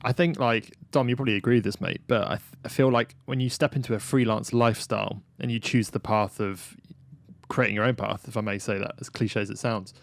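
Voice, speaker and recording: A man hosts a podcast in an easygoing, rambling manner, filling his sentences with "like" and "you know". His voice sits on the low side. The recording is dry and close to the mic. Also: fairly even intonation, a little fast, gravelly, no echo. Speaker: podcast host. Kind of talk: casual conversation.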